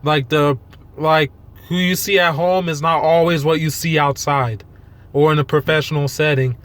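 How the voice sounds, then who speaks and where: Speaking unscripted to his followers, this fitness vlogger has a slightly high voice and a flat, halting delivery. His ideas come out loosely connected, and he's blunt, pokes fun at himself and swears casually.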